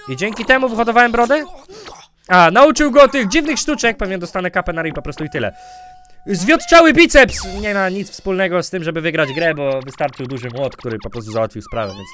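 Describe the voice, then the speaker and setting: A man with a high, lively voice riffs through a game playthrough, swinging from mumbled asides to loud, silly yells. Faint game music plays under his voice. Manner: goofy, jokey, mispronouncing names on purpose, bursts of loud outbursts. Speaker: gaming YouTuber. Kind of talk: let's play commentary.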